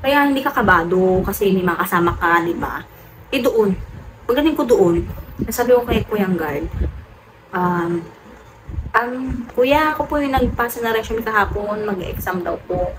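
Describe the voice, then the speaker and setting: A woman's voice: normal speed, long pauses. Chatty Filipina woman with a fan whirring. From Philippines. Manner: animated storytelling, laughs often, voice jumps high when excited. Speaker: vlogger. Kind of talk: casual chatty vlog. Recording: noisy home room with electric fan.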